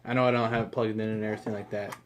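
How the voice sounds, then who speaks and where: A man's voice: lowish voice, little pitch movement, racing, slight background noise. A man giving a casual, rambling product review, swearing now and then.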